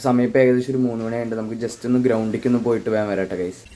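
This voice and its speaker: A young man speaks very rapidly in a Thrissur Malayalam accent at an average male pitch. He drops English words into his Malayalam as he talks casually to his viewers. It has the informal delivery of a day-in-the-life vlog, recorded without an external microphone. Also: steady tone, dark tone. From Kerala, India. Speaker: vlogger. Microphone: handheld camera or phone without external mic.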